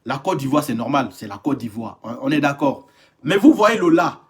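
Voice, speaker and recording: A man's voice: medium pitch, sing-song, normal speed. A young man hosting a live stream, ranting casually with lots of repetition and mimicking his commenters.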